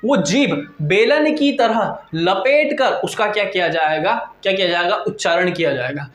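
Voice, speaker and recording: A man's voice: high-pitched, expressive, normal speed, a bit bright, faint music behind. A male teacher giving a lecture, asking questions and answering them himself. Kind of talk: classroom lecture. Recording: echoey room.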